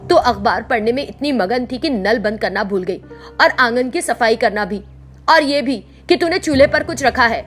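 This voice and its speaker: A woman's voice: on the high side, animated, normal speed, faint music behind. A woman voicing a scolding middle-aged mother-in-law in a storybook cartoon. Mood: accusing. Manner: shouting, scolding.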